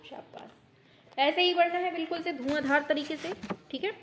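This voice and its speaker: High-pitched lady teacher doing a quiz class, brisk, teasing, mock-scolds the kids. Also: fairly even intonation, a little hiss or hum. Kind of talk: online exam-prep quiz lesson.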